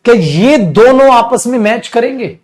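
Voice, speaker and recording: High-voiced teacher asking rhetorical questions. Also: male voice, lively intonation, a little slow, a little mellow. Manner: explains with rhetorical questions and repeated example sentences; addresses students affectionately as beta. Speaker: English teacher. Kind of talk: live online grammar class.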